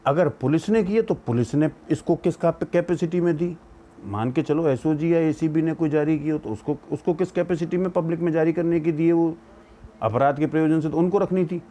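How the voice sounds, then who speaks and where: A legal educator offers his opinion in an explanatory commentary, speaking fairly quickly in a fairly high-pitched voice with a dark tone. He builds his argument through rhetorical questions and sprinkles in English legal terms.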